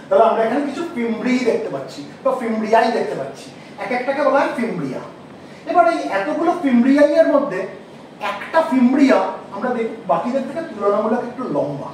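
A man teaching a class, asking questions and slowly repeating key terms. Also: very high-pitched, darkish tone, a little hiss or hum. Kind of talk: classroom lecture. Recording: echoey room, mic far off.

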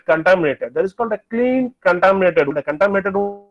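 A man's voice: high-pitched, animated, quick pace. A middle-aged man with a South Indian Tamil accent lecturing in a webinar, asking and answering his own questions over a video call. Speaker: dental lecturer. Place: small room indoors, on a video call. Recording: dull lo-fi video call audio.

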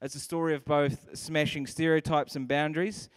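A man's voice: fairly high pitch, little pitch movement, normal speed. A man in his thirties hosting an on-stage interview, upbeat but stumbling on fillers, speaking into a handheld mic. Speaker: host. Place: large hall with stage and audience.

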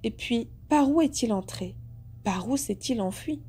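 A woman voicing a kindly middle-aged male detective who speaks calmly and affectionately to his daughter. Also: on the high side, unhurried, breathy edge, soft background music. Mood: puzzled.

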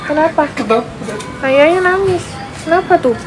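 A woman's voice: very high-pitched, unhurried, crowd noise, background noise. A woman on a phone live stream, chatting and teasing, then coaxing and soothing a small child. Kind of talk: casual live-stream chat.

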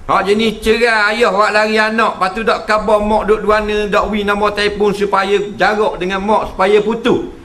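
A man's voice: high voice, level tone, moderate pace, a bit bright, a little hiss or hum. A man giving a humorous religious lecture to an audience. He keeps checking in with his listeners and acts out the voices he quotes. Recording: echoey hall recording.

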